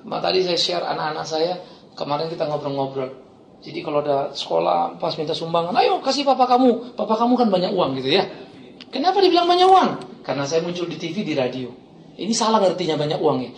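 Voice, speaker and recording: A middle-aged man preaching a sermon as a pastor, animated, swinging between loud exclamations and quiet asides and laughing often. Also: sits high, creaky, a little hiss or hum. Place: church hall. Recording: echoey church hall.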